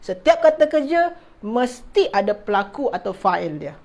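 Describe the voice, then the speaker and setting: A woman teaching an online Arabic grammar class. She repeats terms, restarts words and keeps checking whether her listeners understand, addressing them formally as ladies and gentlemen. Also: medium pitch, sing-song, moderate pace. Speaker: religious teacher.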